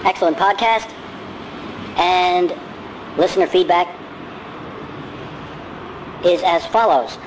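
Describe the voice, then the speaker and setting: A man's voice: high voice, slow, pauses often. Guy hosting a podcast w a sped up chipmunk voice, rambly, keeps fixing his words, noisy traffic behind. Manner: rambling, self-correcting. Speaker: podcast host. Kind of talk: casual podcast monologue.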